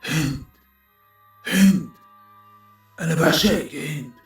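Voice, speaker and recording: A woman voicing a possessive male jinn lover in a deep, distant voice with an echo effect. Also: unhurried, soft background music. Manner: deep, distant, obsessive whispers of love. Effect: echoing sound effects. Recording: heavy echo from far off.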